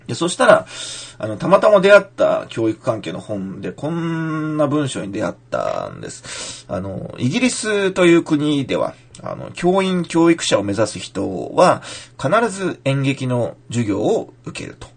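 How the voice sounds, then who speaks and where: This podcast host and playwright, from Fukushima, Japan where he grew up, reads listener letters on a casual show and switches into Fukushima dialect to demonstrate lines. His medium-pitched voice moves at a measured pace, with huge pitch swings, vocal fry and a breathy edge.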